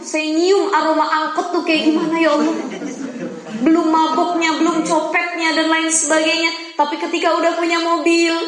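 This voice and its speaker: A woman preacher, giving a lively, chatty sermon to women and teasing the audience. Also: very high voice. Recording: very echoey hall.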